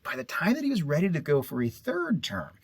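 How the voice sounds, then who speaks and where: Husky-voiced man teaching casually. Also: fairly high pitch, wildly swooping pitch, brisk, no room sound. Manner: chatty, repeats mnemonic rhymes, lots of fillers. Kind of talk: casual classroom lecture.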